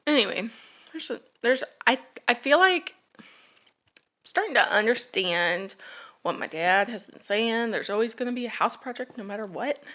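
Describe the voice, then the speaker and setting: Rambling, yawning mom vlogger chatting. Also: female voice, fairly high pitch, lively intonation, bright, forceful tone. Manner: rambling, halting, yawning, with sighs and laughs. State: drowsy. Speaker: family vlogger. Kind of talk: casual chat to camera.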